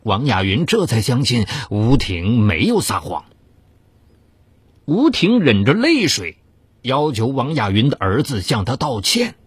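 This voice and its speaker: A man's voice: wildly swooping pitch, unhurried, breathy edge, dry recording. A man narrating a dramatized true-crime story in a theatrical, suspenseful way. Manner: theatrical, swings of pitch for suspense.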